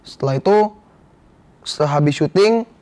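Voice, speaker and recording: A man's voice: on the high side, expressive, moderate pace, darkish tone. A young man, a guest actor telling a personal story in casual, slangy, earnest talk. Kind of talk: casual interview chat.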